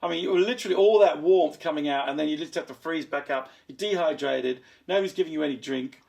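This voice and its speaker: Male podcast host, fairly high and gravelly, teasing and animated. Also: fast. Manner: animated, jokey interjections. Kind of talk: casual podcast chat.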